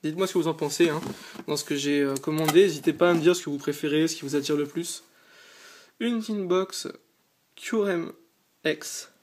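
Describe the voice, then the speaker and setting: A man's voice: a little high, moderate pace, long pauses, a little mellow, slight background noise. Tired, eager man unboxing on a sofa. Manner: eager, chatty, frequent hesitations. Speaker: channel host. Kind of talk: casual unboxing vlog. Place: on a small sofa indoors.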